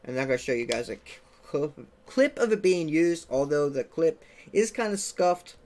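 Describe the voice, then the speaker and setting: A young man giving a casual gameplay walkthrough as the channel's creator, chatty, often checking in with "okay?" and adding "boom" sound effects. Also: lively intonation, normal speed, a little mellow. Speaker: gaming tutorial creator.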